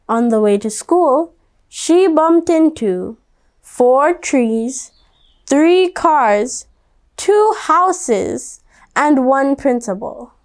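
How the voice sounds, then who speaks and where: A woman's voice: sits high, darkish tone. A woman reading a picture book aloud to children, conversational and speaking directly to her young listeners. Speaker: storybook reader.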